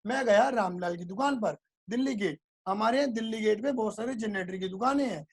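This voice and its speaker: Male teacher, high voice, playful storytelling, sound effects, keeps checking it's clear. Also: fairly quick. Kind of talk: storytelling classroom lecture.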